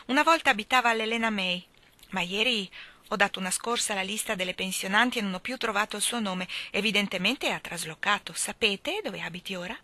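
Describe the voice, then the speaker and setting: A woman's voice: mid-range voice, a little fast, pushed and bright, no room sound, natural voice. A woman voicing a gossiping woman who smugly shares what she knows, speaking with emphasis. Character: triumphant gossiping woman, smug insider.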